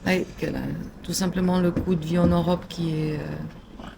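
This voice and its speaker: A middle-aged Portuguese woman chats casually in an interview, hesitant, with lots of fillers and restarts. Her voice is fairly low and gravelly, level in tone, at a moderate pace, and there's background noise.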